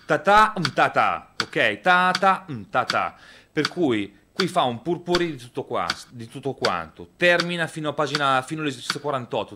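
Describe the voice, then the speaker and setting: This mid-range male voice belongs to a guitar teacher in his thirties who chats casually through a lesson, counting out beats and vocalizing rhythms. The background is noisy, with loud electric guitar playing under his speech.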